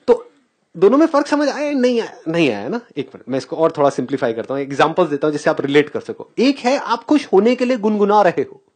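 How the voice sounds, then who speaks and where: A man giving a live spiritual talk to an audience, animated and questioning, often laughing as he mixes English phrases into Hindi. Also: sits high, quick pace, breathy edge. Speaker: spiritual speaker.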